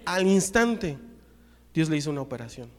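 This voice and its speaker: A Mexican preacher with a high-pitched voice tells a story from the pulpit, acting out each exchange. His voice rings with a long reverb, as in a church hall. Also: normal speed. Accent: Mexican Spanish. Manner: lively storytelling, acts out the dialogue. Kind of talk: sermon with personal testimony.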